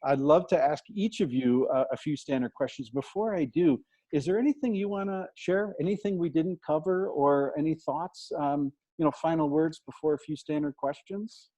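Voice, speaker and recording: A man's voice: on the high side, normal speed, hardly any pauses, mellow, low-quality recording. An American man hosting a podcast interview over a video call, talking effusively with many restarts. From United States. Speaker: podcast host.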